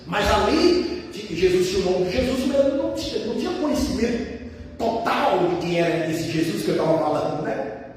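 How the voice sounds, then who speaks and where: A man preaching a sermon with passion, calling his listeners brothers and breaking into high cries when he quotes others. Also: sing-song, fairly quick, slight background noise. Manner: impassioned, rising to high cries when quoting Jesus and the father; addresses listeners as brothers, repeats words. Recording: echoey hall, voice from a distance.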